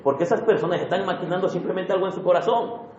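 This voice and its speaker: Male preacher, high-pitched, chatty questioning sermon, dull roomy church recording. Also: fast talker, darkish tone. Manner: conversational preaching, asks the congregation questions. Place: church hall.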